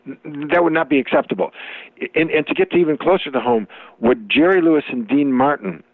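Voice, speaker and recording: A man's voice: a little high, a little fast, no echo. A man being interviewed in a casual chat, talking in a rambling way with many restarts and fillers. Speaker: interview guest. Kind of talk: conversational interview. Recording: tinny phone-like dry sound.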